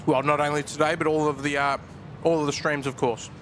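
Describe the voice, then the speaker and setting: Outdoors at an airport, with ambient noise behind him, a man hosts a plane spotting livestream with casual live commentary. His voice is fairly high and bright, level in tone, and brisk.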